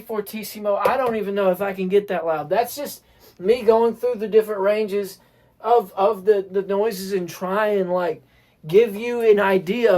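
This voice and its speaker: Laid-back music teacher, talks slow, keeps tossing in "right?", redoes half the sentences. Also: medium pitch. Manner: relaxed, keeps checking with "right?"; repeats and restarts phrases while explaining. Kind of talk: casual music lesson.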